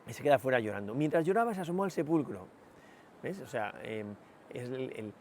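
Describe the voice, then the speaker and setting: Reflective priest. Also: male voice, medium pitch, sing-song, brisk, a little mellow, slight background noise. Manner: reflective, many rhetorical "¿no?" asides and hesitations. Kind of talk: spoken meditation, sermon.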